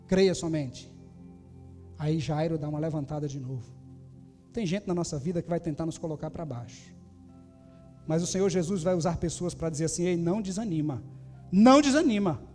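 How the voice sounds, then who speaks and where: A man preaching a sermon, telling a story with animated shifts as he voices the people in it. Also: sits high, in a large hall. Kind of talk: Pentecostal-style sermon.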